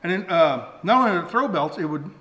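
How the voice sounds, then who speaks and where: Animated and quick, this middle-aged DIY vlog host speaks in a high, bright, forceful voice. He rambles casually through a hands-on show-and-tell in a folksy, self-deprecating style. The recording has room echo and faint noise from a camera mic.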